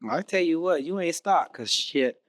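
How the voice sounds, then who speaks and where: Male podcast host, slightly high pitch, casual, encouraging, slang-heavy. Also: normal speed. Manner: encouraging, slangy, hypes up his guest.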